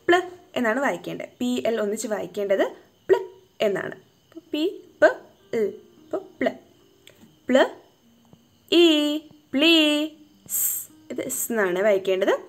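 A woman gives a home-tuition phonics lesson. She breaks each word into single sounds, drawing out every syllable and asking gentle questions to coax the learner along. Her voice sits a little high. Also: big pitch swings, normal speed, long pauses.

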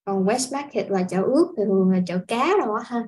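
A woman from Vietnam teaching a casual language lesson, explaining step by step in an unhurried way with frequent filler sounds. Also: mid-range voice, mellow, poor audio. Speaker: English teacher.

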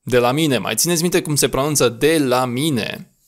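Patient male language teacher. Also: mid-range voice. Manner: patient, spells out and repeats words slowly. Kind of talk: recorded language lesson.

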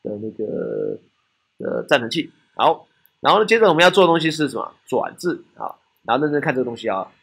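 A man's voice: medium pitch, huge pitch swings, fairly quick, gravelly, a bit bright, breathy edge. A man with a Taiwanese Mandarin accent giving a technical classroom lecture, often asking rhetorical questions and checking in with "right?".

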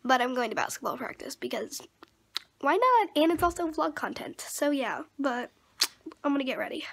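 Speaking to a camera held at arm's length or set nearby, a 13-year-old vlogger chats in a rambling, casual way around her home. Her high voice swings widely in pitch at normal speed, sounding creaky with a fairly bright tone. The handheld recording is noisy.

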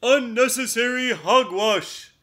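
A man voicing a gruff, pompous male bear in a children's storybook reading, booming and stern. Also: sing-song, slow, bright, forceful tone, heavily acted.

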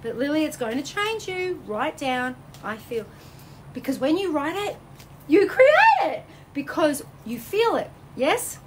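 Slight background noise accompanies this Australian woman as she hosts a psychic medium live stream. Bubbly and effusive, she reads viewer comments aloud, her voice shifting from high exclamations to low, comforting tones.

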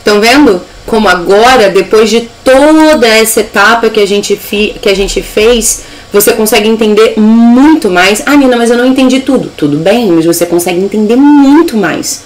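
A woman's voice: medium pitch, normal speed, hardly any pauses, low-quality recording. A woman with a Brazilian Portuguese accent teaching a live online English lesson, upbeat and explaining step by step.

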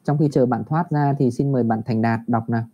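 A man teaching English to young children in an online class, patient and encouraging, reading the model phrases slowly for them. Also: medium pitch, steady tone, dark tone. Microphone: computer mic on a video call. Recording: dull lo-fi video call audio.

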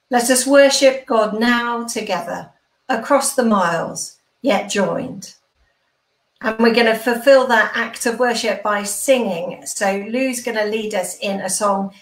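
Speaking from a small room at home, a middle-aged minister leads worship and prayer online in an informal way. She has a mid-range voice with vocal fry, and the computer microphone gives it that roomy video-call quality.

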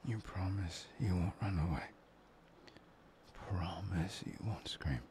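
Guy doing a clingy obsessive boyfriend type, whispery and slow, lots of vocal fry, audio roleplay. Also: deep voice, a little mellow, a little hiss or hum. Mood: menacing. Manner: murmuring, intimate, slow and breathy. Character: possessive, obsessive young man, soft-spoken and controlling.

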